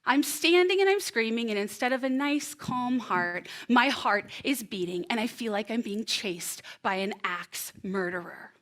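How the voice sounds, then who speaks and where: A woman in her thirties performing a personal story on stage before an audience, with an expressive, animated delivery and dramatic pauses. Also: mid-range voice. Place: presentation room before an audience.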